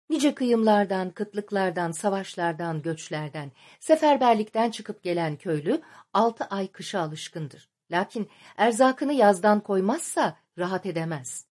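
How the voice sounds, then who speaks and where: A woman reading a novel aloud as an audiobook narrator, in a measured, literary storytelling manner. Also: medium pitch, lively intonation, darkish tone.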